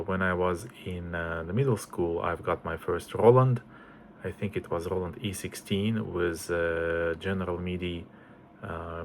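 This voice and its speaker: A man's voice: sits low, slight background noise. A man in his forties from Estonia, introducing himself as a composer in a casual, hesitant way with many fillers. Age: 40s.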